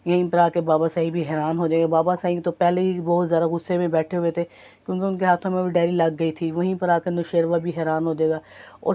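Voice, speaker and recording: A woman's voice: on the low side, dark tone. A woman casually recapping a TV drama's plot for viewers, talking to them as friends and often correcting herself mid-sentence. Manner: retells plot at length, addresses viewers as friends, frequent self-corrections. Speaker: TV drama reviewer.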